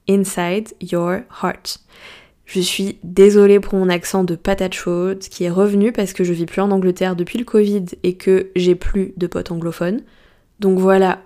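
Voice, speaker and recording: A woman's voice: mid-range voice, warm tone. A woman hosting a solo coaching podcast, chatting casually and directly to the listener and posing reflective questions.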